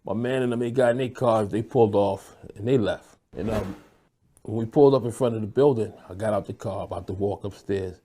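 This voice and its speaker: A man's voice: lowish voice, brisk, dark tone, a little hiss or hum. A man telling a story in an interview, laid-back, acting out what people said. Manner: laid-back street storytelling, acts out dialogue.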